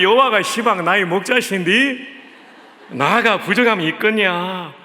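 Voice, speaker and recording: A male preacher voicing an exuberant folksy countryman with a thick Jeolla accent, drawling and exclaiming loudly. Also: high voice, voice pushed up, heavily acted. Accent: Jeolla dialect of Korean. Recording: echoey church hall.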